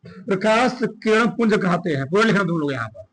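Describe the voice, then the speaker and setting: A male physics teacher dictating a classroom lecture, repeating phrases slowly and quizzing his students. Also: high voice, lively intonation, a bit bright.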